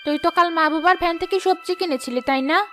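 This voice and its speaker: A woman's voice: very high voice, racing, fairly bright tone. A woman voicing a jealous, scheming village woman who bullies others with sneering threats, over background music. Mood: spiteful scheming.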